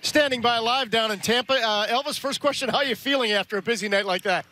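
A man's voice: extremely high pitch, quick pace, bright, forceful tone. A middle-aged man on a headset, interviewing a player live after a game with upbeat, direct questions. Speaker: broadcast interviewer.

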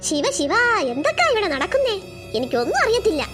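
A woman's voice: extremely high pitch, huge pitch swings, quick pace, faint music behind, heavily acted. A woman voicing a fretful old grandmother in a cartoon, weary and pleading. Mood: bewildered.

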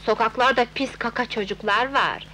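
An actress playing a doting, overprotective nanny who fusses and coaxes in a sing-song way, in a 1970s dubbed film. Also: female voice, on the high side, moderate pace, bright, forceful tone, rough recording. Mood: fussing. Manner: fussing, coaxing, sing-song.

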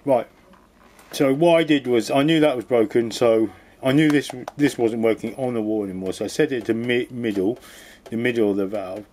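A man's voice: mid-range voice, moderate pace, a little mellow, a little hiss or hum. A man giving a rambling, casual walkthrough of a boiler repair, often restarting his sentences and adding jokey asides. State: cold. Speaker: DIY video host.

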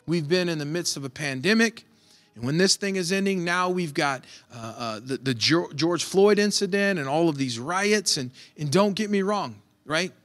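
A man preaching a sermon in a relaxed, conversational way, retelling a Bible story and voicing its characters. His voice sits a little high for a man. Faint music plays softly underneath. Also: normal speed. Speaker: pastor.

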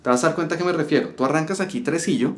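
A man's voice: on the high side, very fast. A man teaching a step-by-step guitar lesson, explaining rhythm and counting syllables aloud. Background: guitar playing.

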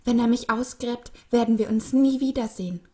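A woman's voice: mid-range voice, a little slow, warm tone, lightly acted. A tiny, fearful snowdrop flower, voiced by a woman storyteller, speaking in a raised, pleading voice. She sounds anxious and fragile, as if from a children's storybook. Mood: desperate. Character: frightened little female snowdrop flower.

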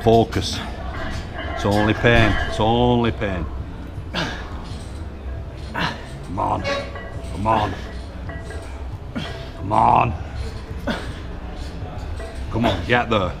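Northern English gym coach, deep voice, unhurried, shouting reps over music. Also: male voice, vocal fry. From England. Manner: barking short commands and rep counts. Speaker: gym coach filming a workout. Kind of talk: coaching during a workout. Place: large indoor gym.

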